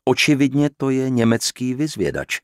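A man doing a cool, guarded woman, raised pitch. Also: very animated, smooth, no room sound, studio quality, close to an everyday voice. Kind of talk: audiobook character reading.

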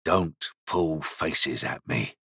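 A man doing a hushed, stern old shop master. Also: a bass voice, a little slow, slightly rough, dry recording, pitched below the performer's own voice, full character voice. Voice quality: hushed, dry whisper. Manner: gentle but stern, calm threats. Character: stern small round old shop master, quiet, menacing.

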